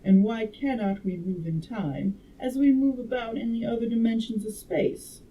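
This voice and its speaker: Woman voicing a skeptical, mellow Victorian doctor. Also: a little high, normal speed, distant mic, pitched above the performer's own voice, natural voice. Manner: questioning, contrary. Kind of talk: audiobook-style character reading. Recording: noisy room background.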